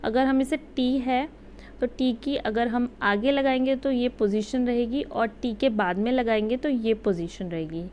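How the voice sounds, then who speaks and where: Young woman, slightly high voice, unhurried teacher. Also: a little mellow, highs cut off, slight background noise. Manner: slow, patient explaining. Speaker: shorthand teacher. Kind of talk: casual Hindi-English lesson.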